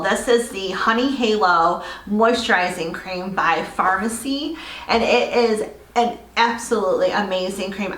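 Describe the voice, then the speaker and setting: A woman beauty vlogger chatting casually through an unboxing, gushing and excitable. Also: mid-range voice, roomy sound, poor audio.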